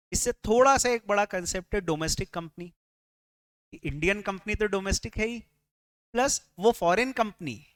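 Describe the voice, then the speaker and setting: A male tax lecturer with an Indian English accent, speaking in a high, bright and crisp voice. He talks at an unhurried pace, walking the class through each point and putting questions to them. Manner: explains step by step, asking the class questions; mixes English phrases into his speech.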